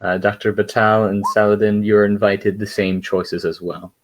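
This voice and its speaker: A man with a low, deep voice runs a tabletop game as its game master. He narrates in a halting way, pausing often with fillers. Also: little pitch movement, poor audio. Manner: hesitant, lots of fillers.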